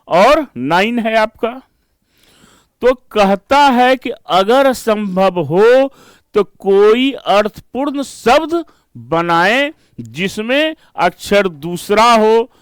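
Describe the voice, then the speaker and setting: Working through an exam-prep reasoning problem one step at a time, a male teacher with an Indian accent switches between Hindi and English and pauses for rhetorical questions. The recording of his crisp, clear, high voice is close and dry, without any echo.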